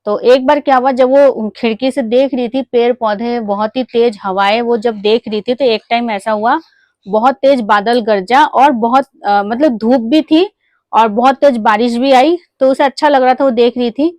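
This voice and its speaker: A woman vlogger telling a moral story to her viewers in a chatty, casual way, full of small fillers, and she briefly acts out a child's excited calls to her mother. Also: fairly high pitch, moderate pace, no echo. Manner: chatty, addresses viewers as friends, many fillers.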